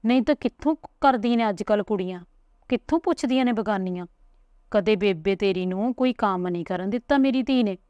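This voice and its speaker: Lady doing a pushy old granny, chatters nonstop, pitch jumps up, dry sound. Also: lively intonation, a little fast, darkish tone, smooth, no room sound, dull audio, close to an everyday voice. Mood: coaxing. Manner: talks on and on, coaxing. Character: elderly village grandmother, chatty and pushy.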